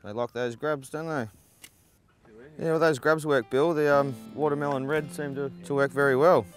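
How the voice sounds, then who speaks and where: A man's voice: fairly high pitch, steady tone, normal speed, soft background music. A man chatting with a fellow angler outdoors on a marina jetty, giving short, agreeable replies. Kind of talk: casual chat while fishing.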